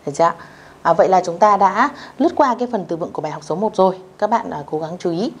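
A woman's voice: lowish voice, breathy edge. Patient woman teaching a language class. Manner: patient, repeats phrases slowly, checks in with "được chưa?". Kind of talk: beginner language lesson.

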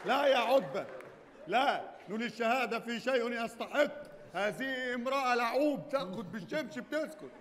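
An actor with an Egyptian accent playing a pompous militant prince on stage, mixing stiff classical speech with street talk. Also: male voice, very high-pitched, lively intonation, a little fast, fairly bright tone, a faint crowd, a little hiss or hum. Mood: mock-stately. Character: blustering self-important militant prince, adult man. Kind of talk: live stage comedy. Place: theater stage before a live audience. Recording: echoey theater hall with audience.

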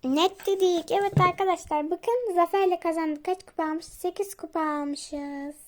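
A woman hosting a gaming channel, chatting excitably to her viewers as she plays. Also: very high-pitched, normal speed, a little hiss or hum. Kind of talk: casual gameplay commentary.

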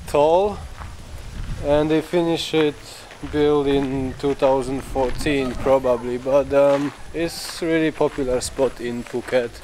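A man's voice: a little high, a little hiss or hum. A man vlogging outdoors at a tourist spot, chatting casually in unpolished English toward a handheld camera. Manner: relaxed, unpolished English, chatty tour-guide asides. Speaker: vlogger, channel owner. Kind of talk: casual travel vlog talk.

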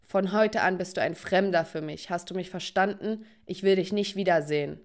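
A woman's voice: lowish voice, normal speed, natural voice. A woman voicing a stern, angry father who scolds and disowns his daughter. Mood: angry scolding. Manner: scolding, harsh.

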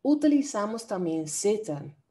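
A woman teaching an online language lesson, lively and playful, with a Dominican Spanish accent. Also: mid-range voice, unhurried. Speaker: Dutch teacher.

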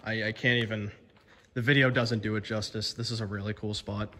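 A man's voice: on the low side, little pitch movement, a little fast, pushed and bright. A young man exploring an abandoned quarry cave, chatting to his phone camera with lots of fillers and amazement. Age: young adult. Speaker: explorer vlogger. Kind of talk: casual exploring vlog. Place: abandoned stone quarry cavern. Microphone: phone held at arm's length. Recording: long cavern reverb.

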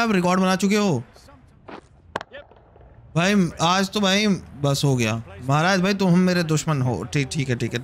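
A young man from India chatting casually to viewers while he plays a cricket video game, talking to the players on screen as he goes. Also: high-pitched. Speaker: gaming streamer.

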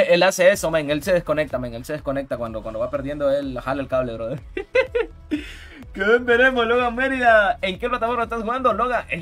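A man streaming a fighting game live, greeting viewers by name in loose slangy banter and breaking into excited shouts. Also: on the high side. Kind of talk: live gameplay commentary, chatting with viewers.

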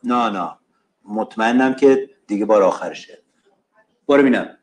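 A man's voice: on the low side, darkish tone. A middle-aged man teaching a class, chanting lines of verse in rhythm and breaking off to scold students sternly. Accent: Persian, Iranian.

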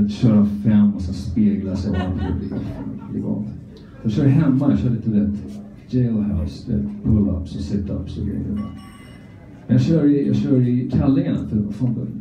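A man's voice: lowish voice, mellow. A middle-aged Swedish man doing a crude, rambling, self-mocking stand-up routine, talking out of one side of his mouth. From Sweden. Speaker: stand-up comedian. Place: comedy club stage. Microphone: phone camera from the audience. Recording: echoey, distant, muffled phone recording.

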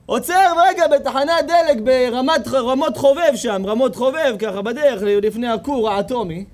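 High-voiced, animated rabbi telling stories. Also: male voice. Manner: animated, acts out characters with sudden shouts. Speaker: rabbi giving a Torah lecture. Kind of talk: lively sermon with humorous storytelling. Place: outdoor evening event before an audience.

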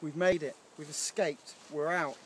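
A man in his thirties with a high voice talks slowly and easily to a camera held at arm's length at a lakeside camp. He sounds upbeat and rambling and fills his pauses with ums. A faint outdoor hiss sits behind him. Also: steady tone. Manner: chatty, upbeat, with frequent ums. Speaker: outdoor vlogger. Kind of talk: casual chat to camera. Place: outdoors by a lake at a wild camp. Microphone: handheld camera at arm's length.

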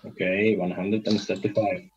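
A man's voice: deep voice, flat delivery, normal speed. A man working as a darts score caller, repeating scores in short, formulaic calls. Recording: muffled, narrow sound with faint noise.

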